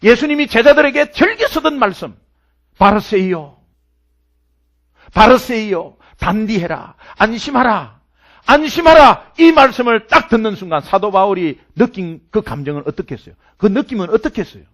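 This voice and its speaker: Emphatic Korean preacher with lively pitch. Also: male voice, moderate pace. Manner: emphatic preaching, repeating key words, swinging between loud and soft. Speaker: pastor. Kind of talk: sermon.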